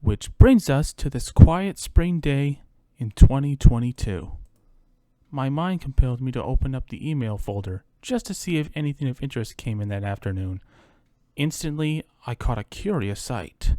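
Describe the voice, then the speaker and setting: In a warm, expressive mid-range voice, a man dramatically narrates his own first-person horror story at normal speed. The theatrical reading is dry-recorded, with music running beneath it.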